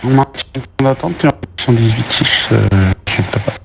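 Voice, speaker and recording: A man's voice: medium pitch, a little fast, gravelly. A man piloting an aircraft, making polite procedural calls and readbacks over the radio. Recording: dull radio transmission, faint noise.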